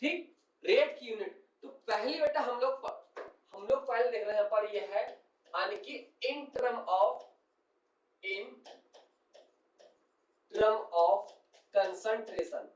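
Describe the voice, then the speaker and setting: A man's voice: high voice, slow, pauses often. A man teaching chemistry to a class, explaining step by step, repeating key terms and often asking whether students have understood. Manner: keeps checking understanding and calls students "son". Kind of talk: classroom lecture. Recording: roomy, distant and dull-sounding.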